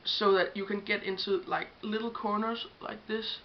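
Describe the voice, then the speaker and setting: Here the Danish-accented young woman keeps a steady tone at medium pitch and normal speed, English not being her native tongue. She chats through her makeup brushes in a casual vlog tutorial, hesitating often with ums while showing products. It sounds like a dull lo-fi home recording with a faint hiss.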